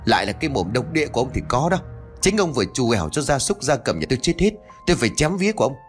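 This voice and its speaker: A man voicing a sharp-tongued, angry old village woman who scolds and shouts. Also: lowish voice, big pitch swings, fast, faint music behind. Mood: furious.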